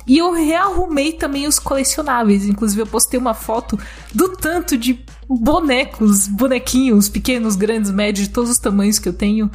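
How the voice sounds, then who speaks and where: A woman's voice: fairly high pitch, moderate pace, a little mellow, breathy edge. A woman hosting a podcast, chatting enthusiastically. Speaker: podcast host. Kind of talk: casual chat.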